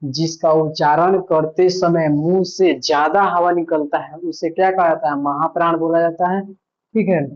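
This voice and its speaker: A man's voice: a little high, steady tone, moderate pace, dull audio. A male teacher giving an online grammar lesson, patiently repeating points and asking himself questions.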